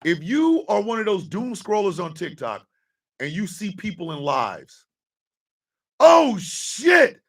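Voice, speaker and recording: A man in his fifties hosting a live stream, ranting with profanity and often breaking into shouts. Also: high voice, huge pitch swings, takes it slowly, husky, distant mic. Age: 50s. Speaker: host.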